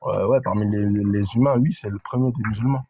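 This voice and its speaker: Male caller, husky and mellow, insistent and lecturing. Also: on the low side, fairly even intonation, a little fast, no echo, muffled recording. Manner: insistent, lecturing, repeats himself. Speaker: caller in a debate. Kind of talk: heated live debate.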